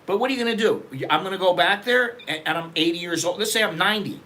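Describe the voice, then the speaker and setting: A middle-aged man from America talks in a loose, rambling vlog style, blunt and quick to swear. His voice sits a little high and rings bright and forward. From United States. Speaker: vlogger. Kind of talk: casual opinion vlog. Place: living in Bangkok.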